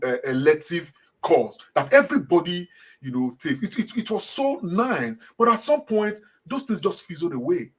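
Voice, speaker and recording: Speaking with a Nigerian accent, a middle-aged man from Edo State, Nigeria, is heard as an interview guest. His pitch is fairly high, his tone a bit bright and slightly rough, and his answers come hesitantly, with repeated words and frequent uhs.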